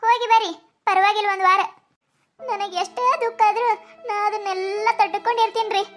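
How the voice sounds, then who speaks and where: A woman's voice: very high voice, fairly even intonation, normal speed. A woman voicing a scheming, phone-obsessed young daughter-in-law in a cartoon comedy, whiny and melodramatic, with a North Karnataka accent. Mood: fake-sad. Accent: North Karnataka Kannada.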